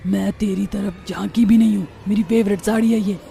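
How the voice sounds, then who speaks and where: A woman's voice: mid-range voice, fairly even intonation, a little fast, vocal fry. A woman voicing a bossy, quarrelsome old witch mother-in-law in a cartoon, scolding and taunting. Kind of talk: cartoon voice acting. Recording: soft music behind.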